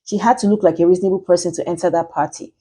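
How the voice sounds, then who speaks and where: A woman's voice: fairly low pitch, steady tone, racing, dark tone, husky. A woman, a matchmaker ranting chattily and with exasperation in a vlog.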